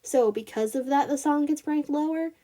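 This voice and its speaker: A woman with a Southern US accent and a slightly high voice hosts her own review vlog. She talks in a loose, rambling way, full of "like" and "uh" and restarted thoughts. She speaks straight to her viewers in a chatty tone. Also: moderate pace, warm tone. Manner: rambling, lots of fillers and restarts; chatty, addresses viewers directly. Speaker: channel host.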